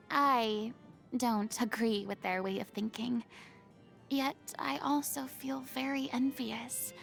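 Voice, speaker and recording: A young female video game character, a proud former stage idol, delivers voice lines in a high, unhurried voice with vocal fry. Her diction is refined, haughty and theatrical, swinging dramatically, with a secret wistfulness beneath.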